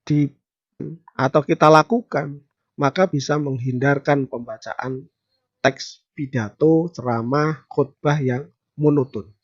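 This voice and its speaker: A man with an Indonesian accent teaching preaching skills, stressing key terms with louder, higher bursts. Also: no echo, muffled recording. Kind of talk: instructional talk.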